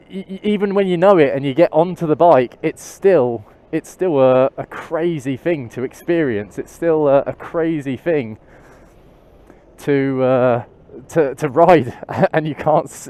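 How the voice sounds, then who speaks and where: A man giving chatty, excitable commentary while riding a motorcycle, through a helmet-mounted mic. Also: fairly high pitch, clear, resonant tone. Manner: chatty, excitable, many restarts and laughs. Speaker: motorcycle vlogger. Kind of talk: casual moto-vlog commentary while riding. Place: outdoors on a motorcycle in traffic. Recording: faint road and traffic noise.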